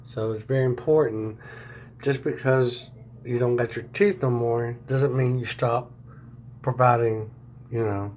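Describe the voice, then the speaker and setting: A man talking casually in an unscripted video diary, halting and searching for words, his speech affected by new dentures and a swollen mouth. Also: mid-range voice, slight background noise. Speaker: vlogger sharing dental recovery diary.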